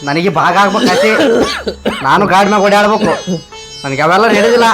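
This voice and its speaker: A man's voice: sits high, animated, brisk, loud music behind the voice. A man playing a defiant spoiled younger son. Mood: stubborn. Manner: defiant, dismissive, repeats demands. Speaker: younger son demanding his share.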